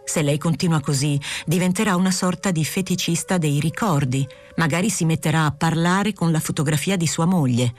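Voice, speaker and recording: A woman reading the part of a calm, frank middle-aged male doctor who speaks in a probing, gently lecturing way, in an audiobook. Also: deep voice, fairly quick, few pauses, soft background music, natural voice. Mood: earnest.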